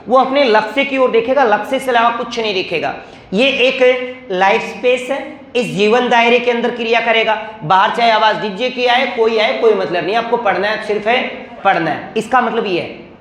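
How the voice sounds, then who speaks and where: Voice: medium pitch, fairly bright tone. A teacher giving a classroom lecture, repeating key terms and asking the class questions. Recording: echoey room.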